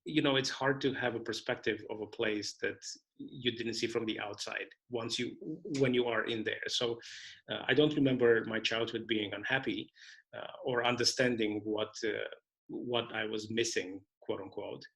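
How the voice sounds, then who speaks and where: A man's voice: on the low side, steady tone, normal speed, gravelly, fairly bright tone, poor audio. A man in his forties from Romania, with Romanian as his first language, talking in a thoughtful, hesitant way as a guest in an interview. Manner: thoughtful, hesitant with many fillers. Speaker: guest conductor. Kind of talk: casual interview conversation.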